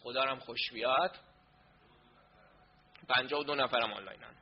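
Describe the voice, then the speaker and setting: A man's voice: medium pitch, slightly rough, lo-fi sound. Flustered man fixing tech mid-session. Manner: flustered, sorting out tech problems aloud. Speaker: online class presenter. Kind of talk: casual talk during a live online session.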